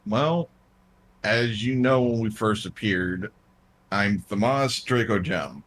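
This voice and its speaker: A man playing a male gem dragon character in a tabletop role-play, in an earnest, hesitant, calm way. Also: on the low side, takes it slowly, slight background noise.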